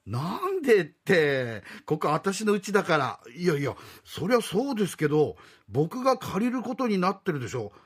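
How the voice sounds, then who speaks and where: Young man renting a flat, polite but flustered, husky and lively in pitch, as a rakugo teller plays him. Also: moderate pace, few pauses, exaggerated voice. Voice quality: polite, increasingly exasperated. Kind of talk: rakugo storytelling.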